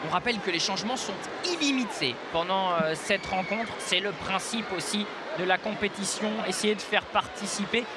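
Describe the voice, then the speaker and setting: A Frenchman delivers live football play-by-play as excited sports commentary. His voice is very high for a man. Clear outdoor match noise runs behind him. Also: moderate pace, few pauses, over a noisy crowd. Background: outdoor ambience of a football match.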